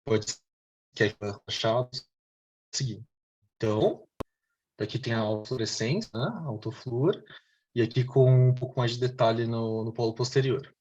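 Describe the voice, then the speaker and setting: A man with a Brazilian Portuguese accent presenting a clinical case over a video call, talking hesitantly with many restarts while his audio comes through a choppy, low-quality online stream. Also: measured pace, long pauses, darkish tone, muffled recording. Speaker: case presenter at a medical meeting.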